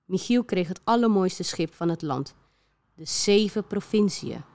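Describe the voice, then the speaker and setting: A woman voicing government leaders in a children's story, loud and proclaiming. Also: on the low side, lively intonation, unhurried, dry recording. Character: solemn government officials addressing the nation.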